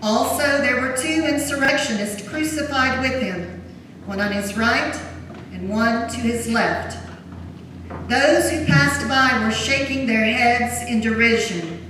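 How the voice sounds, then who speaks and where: During a service in a large church, a woman reads scripture as narrator in a solemn, dramatic style, her voice on the high side and slow. The recording sounds distant and very echoey, with faint noise.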